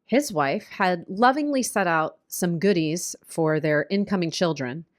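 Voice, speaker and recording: An upbeat woman co-hosts a casual podcast about healthy eating. Her voice is lively and moves up and down a lot, and she laughs easily. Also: fairly low pitch. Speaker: podcast co-host, diet coach.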